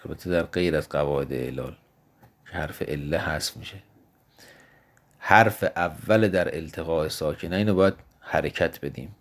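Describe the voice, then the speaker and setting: Male grammar teacher, very low voice, patient and methodical, poses questions then answers them. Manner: patient, explanatory, asks and answers his own questions; slows down to spell out example words. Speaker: teacher of Arabic morphology. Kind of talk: recorded grammar lesson.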